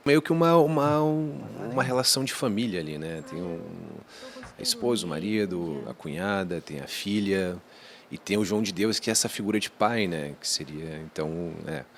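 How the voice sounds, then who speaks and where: A man's voice: low voice, lively intonation, normal speed. A male actor talking casually in an interview, often searching for words. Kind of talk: behind-the-scenes interview.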